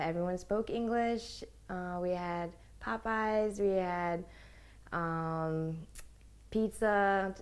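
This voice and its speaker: A young adult woman from Japan, a college student talking earnestly in a casual documentary interview, often letting her phrases trail off softly. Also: fairly low pitch.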